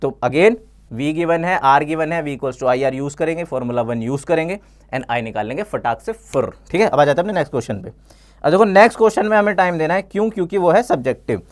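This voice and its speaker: A man's voice: a little high, expressive, quick pace. A man teaching a physics exam-prep lesson step by step, mixing Hindi and English and calling his students "bachcha log". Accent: Indian English.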